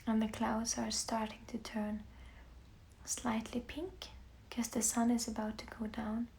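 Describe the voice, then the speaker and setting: A young Norwegian woman with a Norwegian accent, chatting softly on a livestream while she paints, often slipping into near-whispers. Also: on the high side, completely flat delivery, unhurried, creaky. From Norway. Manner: soft-spoken, often drifting into near-whispers. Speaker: musician live-streaming to fans. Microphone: phone. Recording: echoey room with faint background hiss.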